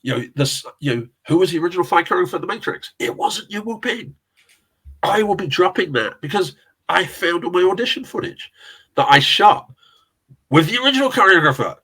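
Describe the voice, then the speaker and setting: Speaking a little fast in a sing-song voice that sits high, this interview guest sounds pushed, bright and husky over a rough recording. He's a middle-aged casting director and actor from England with a South London accent, spinning rambling film-industry stories in a relaxed chat, with frequent laughter and the odd swear word.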